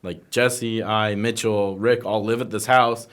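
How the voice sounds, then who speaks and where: A man's voice: fairly low pitch, fairly even intonation, unhurried, a bit bright. A man co-hosting a podcast in casual banter, with a joking, teasing manner. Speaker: podcast co-host, YouTuber. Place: indoors in a warehouse.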